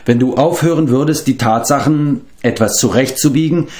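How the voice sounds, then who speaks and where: A man reading aloud and voicing a spirited, proud young girl with a sharp tongue. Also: mid-range voice, voice pushed up, close to an everyday voice. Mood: indignant. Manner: indignant, quick, sharp-tongued. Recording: roomy echo.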